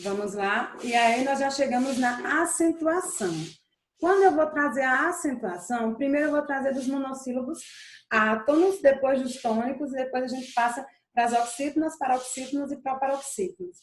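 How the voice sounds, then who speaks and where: A woman with a high voice teaches a grammar lesson, slowly stretching out the stressed syllables and repeating them so they stick. The sound is roomy, with a clear echo around her. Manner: stretches stressed syllables, slow emphatic repetition.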